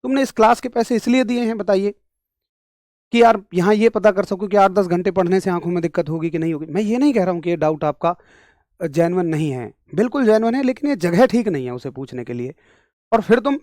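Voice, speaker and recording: High-voiced man teaching, dry close sound. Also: lively intonation, a little fast, a little mellow, no room sound. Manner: emphatic, scolding then explaining step by step; addresses students directly, repeats key points. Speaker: physics teacher. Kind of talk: online class lecture.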